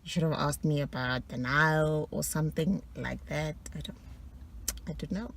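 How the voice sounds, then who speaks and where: A woman's voice: sits low, moderate pace, gravelly, slight background noise. A woman, chatting casually and teasing herself as she works through a quiz for her own video, laughing often between answers. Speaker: vlogger quizzing herself.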